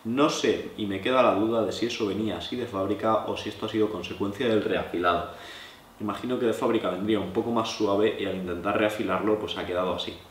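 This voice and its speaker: A low-voiced Spanish man from La Mancha, with a Spain Spanish accent, teaches knife sharpening at a quick pace while seated at a wooden table in his living room. The room is echoey with a little hiss or hum, and his hands-on tutorial addresses viewers in a relaxed, explanatory way with chatty asides.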